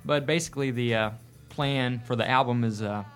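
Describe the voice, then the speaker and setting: A man's voice: mid-range voice, moderate pace. A man chatting easily about his band on a radio show, loose and joking, with plenty of ums and uhs. Faint guitar music plays behind him. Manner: relaxed, joking, with frequent fillers. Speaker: band member, guest. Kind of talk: casual radio interview chat.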